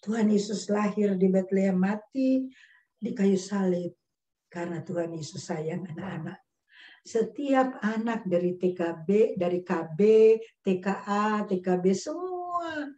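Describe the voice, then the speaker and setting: A woman's voice: medium pitch, a little mellow. A middle-aged woman giving a storytelling sermon to young children as their worship teacher. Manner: storytelling, speaks to children, acts out quoted voices. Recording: dull, echoey room sound.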